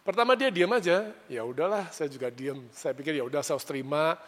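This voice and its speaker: Male preacher, conversational sermon voice, lively, long reverb of a hall. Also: a little high, quick pace. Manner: animated, conversational, rises sharply when retelling arguments. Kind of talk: sermon with personal storytelling.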